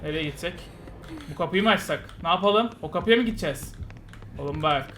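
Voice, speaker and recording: A young man giving playful, casual commentary while playing a game, muttering one moment and shouting excitedly the next. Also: fairly high pitch, fast, a little hiss or hum. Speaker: gaming streamer. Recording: game music behind the voice.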